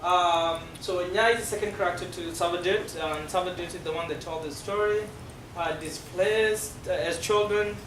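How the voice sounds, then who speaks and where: A middle-aged man from South Sudan with a South Sudanese accent and Dinka as his first language, giving a halting, explanatory classroom presentation full of fillers. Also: sits high, fairly even intonation. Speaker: guest speaker. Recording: echoey room from far off, noisy.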